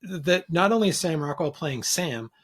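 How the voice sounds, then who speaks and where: A podcast guest who talks things through slowly, hedging and starting over as he looks for words. His voice sits somewhat high for a man, in an easy, conversational delivery. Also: animated. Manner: thoughtful, hedging, often restarting sentences. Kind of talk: casual podcast chat.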